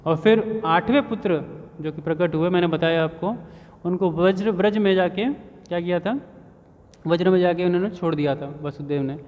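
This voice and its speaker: High-voiced male preacher in a reverberant hall. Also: normal speed. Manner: narrates with frequent rhetorical questions. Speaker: devotional storyteller. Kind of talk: devotional story sermon. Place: temple hall. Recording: dull reverberant hall sound.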